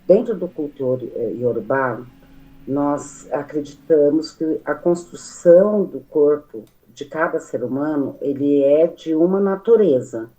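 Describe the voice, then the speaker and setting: A Brazilian woman with a deep, mellow voice and a Brazilian Portuguese accent speaks slowly in a rough recording. As a study group participant offering a spoken reflection at a study meeting, she is animated and gestures, with many fillers and restarts.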